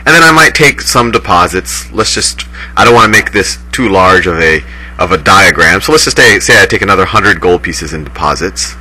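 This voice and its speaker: A man lectures in a lowish voice with a sharp, bright, forceful tone, building an example piece by piece and pausing to fix his own slips. The audio has the thin, degraded sound of a low-quality stream. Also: expressive, husky. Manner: explains step by step, restarts and self-corrects. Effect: poor-quality sound, like a low-grade stream. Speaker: teacher explaining banking. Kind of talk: recorded lecture, thinking aloud.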